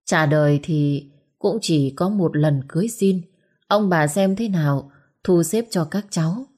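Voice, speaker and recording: A woman's voice: fairly low pitch, unhurried, darkish tone. Woman voicing a wronged old father. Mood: earnest. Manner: pleading then cursing in outrage. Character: wronged old peasant father, proud, bitter.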